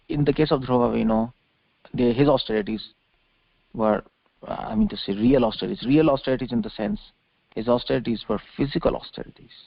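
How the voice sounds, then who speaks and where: Over a muffled, lo-fi conference call, a male preacher delivers an extemporaneous scripture lecture, explaining things didactically and repeating phrases for emphasis. His voice is medium-pitched with vocal fry, and there's no echo.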